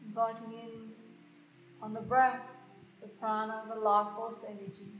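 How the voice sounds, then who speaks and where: A woman guiding a slow meditation in a soft, hushed, unhurried voice with long pauses. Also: on the high side, level tone. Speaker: podcast host and meditation guide. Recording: roomy, echoing sound with faint music.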